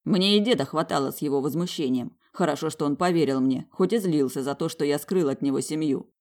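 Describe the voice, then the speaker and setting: Even-voiced audiobook narrator. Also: medium pitch, brisk. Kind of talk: scripted novel narration.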